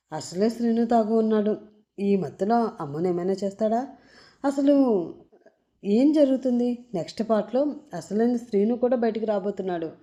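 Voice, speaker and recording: A woman narrating a serialized audio story in a steady storytelling manner. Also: mid-range voice. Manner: steady storytelling with channel sign-off.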